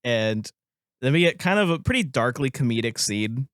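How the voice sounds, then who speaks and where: A man's voice: mid-range voice, sing-song, moderate pace, fairly bright tone, dry recording, studio quality. A man co-hosting a podcast, chatting casually about a film, laughing often and acting out lines. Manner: laughs often, acts out lines in put-on voices. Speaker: podcast co-host.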